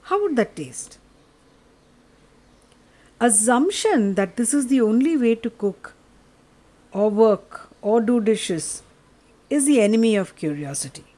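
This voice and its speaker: A woman giving a reflective explanatory talk in measured, deliberate phrases. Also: fairly high pitch, sing-song, dark tone. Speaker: speaker on curiosity and meditation.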